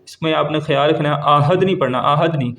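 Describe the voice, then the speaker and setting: A man teaching a tajweed lesson, explaining each rule and then reciting the words slowly, drawn out and repeated. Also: a little high, a bit bright.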